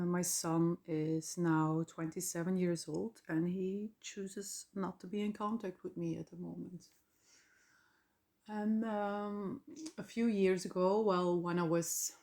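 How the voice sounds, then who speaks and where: A woman's voice: on the low side, dark tone. A woman in her forties from the Flemish part of Belgium, speaking English with a Flemish Dutch accent as a podcast host, rambling and correcting herself with fillers. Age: 40s. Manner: rambling, self-correcting, with fillers and small laughs. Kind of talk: casual solo podcast monologue.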